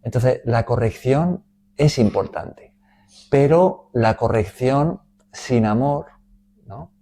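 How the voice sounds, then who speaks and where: A man teaching a Bible study in a measured way, often checking in with "¿no?". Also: medium pitch, expressive, vocal fry, mellow, a little hiss or hum. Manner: measured, frequent "¿no?" tags.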